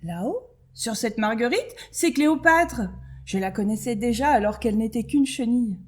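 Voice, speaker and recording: A woman voicing a friendly, chatty male earthworm in a children's storybook reading, bright and lively. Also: a little high, moderate pace, natural voice.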